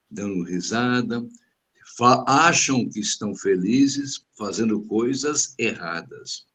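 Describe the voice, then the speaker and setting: Brazilian pastor, unhurried and low, measured preaching tone. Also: male voice. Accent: Brazilian Portuguese. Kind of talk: church Bible study discussion.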